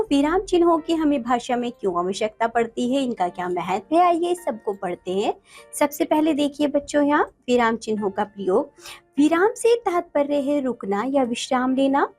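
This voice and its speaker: Woman teacher talking to kids, high bouncy voice going up and down a lot, faint music under it. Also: breathy edge. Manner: addresses children warmly, reads examples aloud with emphasis. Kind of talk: textbook lesson for children.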